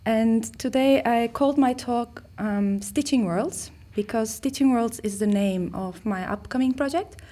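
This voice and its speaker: A woman's voice: on the high side, unhurried, few pauses, mellow. A woman from Turkey, an artist and researcher giving a conference talk, speaking hesitantly with many fillers and restarts.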